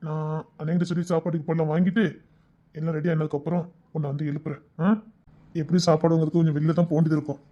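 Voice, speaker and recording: A man telling an audio story on his own, speaking in a gentle, intimate and reassuring way. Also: on the high side, flat delivery, quick pace, lo-fi sound. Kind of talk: one-man audio story, performing all the parts.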